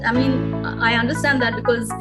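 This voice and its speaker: A woman's voice: a little high, steady tone, normal speed, over loud music, poor audio. A middle-aged woman from India, talking as a guest on a video call in a chatty way, with many fillers and restarts. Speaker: guest speaker.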